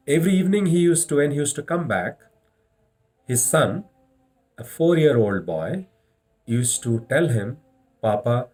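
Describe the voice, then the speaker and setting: A man with an Indian accent giving a motivational leadership lecture with storytelling, speaking deliberately and repeating phrases for emphasis. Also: mid-range voice, a little mellow. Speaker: leadership trainer.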